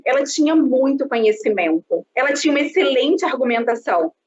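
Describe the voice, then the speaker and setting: A high-pitched woman in her thirties with a Brazilian Portuguese accent talks in an expansive, outgoing way, giving sales advice as a guest on a live stream. Her voice comes through a video-call mic, sounding dull and lo-fi with a faint hiss behind it. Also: brisk. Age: 30s. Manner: expansive, lively, self-described outgoing talker. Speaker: sales and marketing consultant. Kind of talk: conversational interview on a live stream.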